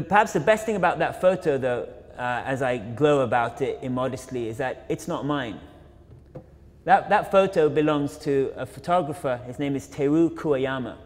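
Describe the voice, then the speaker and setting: A man's voice: medium pitch, a little mellow. A young man, a photographer and filmmaker, giving an informal illustrated talk in a university auditorium, reflective and full of fillers and self-corrections. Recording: long reverb of a lecture hall.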